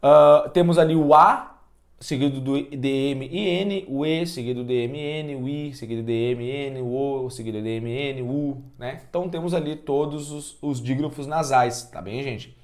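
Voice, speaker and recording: A man with a Brazilian Portuguese accent teaching a class, energetic, asking the students questions and counting out loud. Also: medium pitch, moderate pace. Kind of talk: online class lecture.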